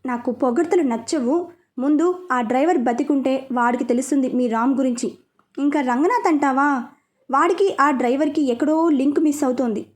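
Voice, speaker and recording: A woman voicing a blunt, sharp-witted young gang leader who talks in curt, dry, clipped statements in a storybook reading. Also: very high-pitched, normal speed.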